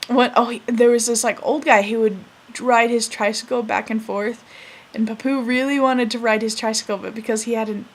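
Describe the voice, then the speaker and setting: Soft-spoken young woman, halting and casual. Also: fairly high pitch, steady tone. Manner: soft-spoken, hesitant, full of fillers and self-corrections; laughs while recalling funny moments. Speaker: vlogger. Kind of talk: casual storytelling to camera.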